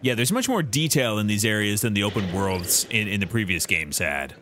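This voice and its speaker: Animated male streamer thinking aloud. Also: on the low side, a little fast, slight background noise. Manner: thinking aloud, frequent restarts and fillers. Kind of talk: live game commentary.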